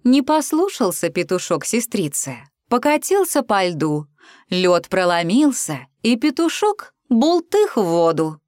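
A woman reading a children's fairy tale aloud in an expressive, sing-song way. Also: medium pitch, measured pace, no echo, studio quality. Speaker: storyteller.

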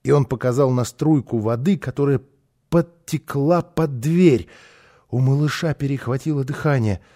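A man narrating a children's storybook aloud in a lively, expressive manner. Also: medium pitch, normal speed.

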